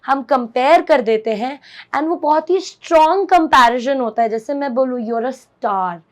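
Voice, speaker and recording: Slow, high-voiced Hindi-woman teacher. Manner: explains simply, often asks the class questions; mixes Hindi and English. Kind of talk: classroom poetry lesson.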